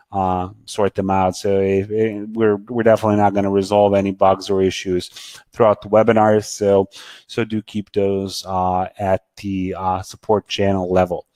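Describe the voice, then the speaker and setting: A lowish, fairly flat male voice hosts a casual online webinar, stopping and restarting often with fillers as he reads out questions and clicks through a demo. The sound is dry and close, recorded on a desk mic. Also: no echo. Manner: halting, many fillers and repeated words, reads out attendee questions. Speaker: webinar host answering product questions.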